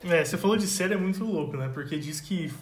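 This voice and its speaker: A man's voice: a little high, quick pace, roomy sound. A man co-hosting a casual chat, easygoing and asking his partner questions. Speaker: co-host.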